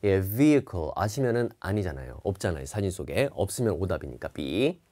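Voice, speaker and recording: A man's voice: sits low, very animated, moderate pace, dark tone. A man teaching TOEIC listening in an online lecture, explaining each answer and repeating key words.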